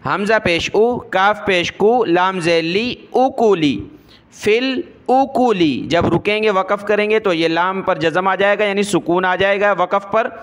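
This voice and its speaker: A man teaching Quran recitation, spelling out each syllable patiently and slowly drawing out the recited words. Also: high-pitched, steady tone, fairly bright tone.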